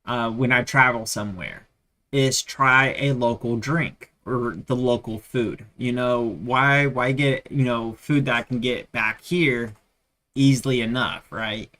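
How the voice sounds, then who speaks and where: A man's voice: medium pitch, a little slow, sharp tone. A man from Texas hosting a live stream, chatting casually and rambling between anecdotes and side comments. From Texas, USA. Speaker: livestream host.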